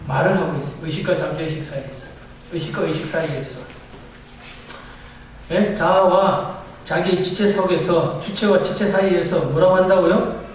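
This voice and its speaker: High-voiced pastor preaching in an echoey hall. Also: male voice, fairly even intonation, moderate pace, slight background noise. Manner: asks the congregation questions and answers them himself. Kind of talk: sermon. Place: church sanctuary. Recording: echoey church hall from far off.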